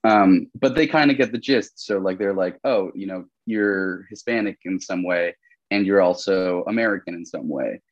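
In a casual conversational interview, a young man from Colombia appears as a podcast guest, his voice sitting low at a normal speed. His relaxed, rambling talk is full of fillers like "like" and "you know." The recording is dry, and the highs are cut off.

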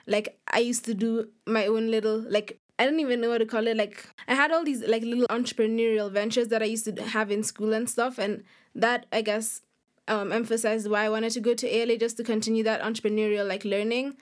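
A young woman from Kenya, a young author appearing as a podcast guest, speaks briskly in a fairly high voice with a level tone. She's casual and a little hesitant in the interview, often saying "like."

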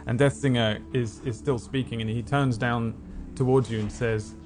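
A man narrating a tabletop game as game master, haltingly searching for words. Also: mid-range voice, steady tone, over music.

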